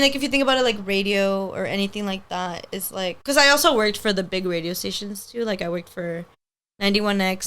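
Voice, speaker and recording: On a podcast, a young woman who works as a hair stylist and grew up speaking Spanish talks casually as a guest. She's upbeat and rambling, filling her speech with "like," in a mid-range, slightly bright and clean voice.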